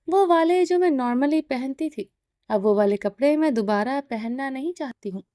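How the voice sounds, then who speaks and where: A woman's voice: sits high, animated, warm tone, no room sound, clean studio sound. Woman voicing Haya, defiant young wife. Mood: indignant. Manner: indignant, quick retorts.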